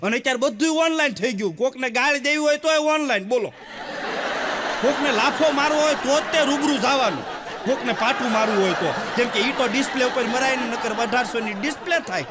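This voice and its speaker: A man's voice: extremely high pitch, fairly quick, very noisy. A male stand-up comedian, telling folk jokes in a chatty way with acted quotes. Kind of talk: Gujarati folk comedy storytelling. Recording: long hall reverb.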